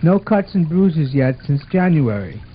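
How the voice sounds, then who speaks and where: Here the man's puppet voice is fairly high, swinging widely in pitch and moving at an unhurried pace. He plays an earnest, tidy-minded twelve-year-old boy in a scripted show, explaining things bossily but with affection. Watery noise runs under the muffled, amateur-sounding audio.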